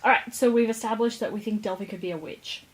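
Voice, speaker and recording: A woman co-hosts a podcast of casual comedic chat, speaking quickly in a medium pitch. She keeps the banter light, dropping wry jokes as she goes.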